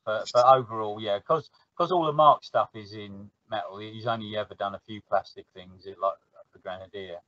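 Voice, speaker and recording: A man's voice: on the low side, normal speed, no echo. Casual South London man, rambling and good-humoured; dry, slightly muffled audio. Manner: chatty, laughs easily, trails off and restarts. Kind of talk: casual chat.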